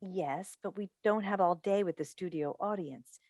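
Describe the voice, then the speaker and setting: In a staged play reading held on a Zoom call indoors, a woman with a fairly low-pitched, darkish voice speaks at normal speed as a seasoned, composed talk show host and mother who tries to placate others. Her manner is professional and placating, and the video call recording is dry.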